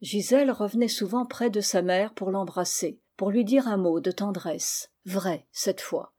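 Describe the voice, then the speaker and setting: A woman narrating a classic novel as an audiobook, with measured, clear phrasing. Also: medium pitch, warm tone. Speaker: audiobook reader.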